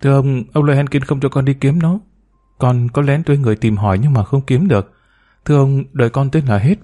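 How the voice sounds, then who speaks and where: A man's voice: mid-range voice, brisk, dark tone, lightly acted. A man voicing a timid, humble woman of forty. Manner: deferential, hesitant, pleading. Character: timid humble woman about forty, former bar girl.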